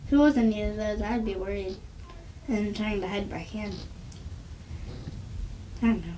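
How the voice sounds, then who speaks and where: A woman co-hosting a casual podcast, relaxed with short laughing replies. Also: mid-range voice, normal speed. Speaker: podcast co-host. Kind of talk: casual chat. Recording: distant from the mic, faint noise.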